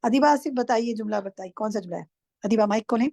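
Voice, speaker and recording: A woman's voice: a little high, creaky, dark tone, dry recording, studio quality. A woman teaching an online class. She questions her students and corrects them firmly. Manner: firm, corrects students directly. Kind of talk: interactive class quizzing students. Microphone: online class microphone.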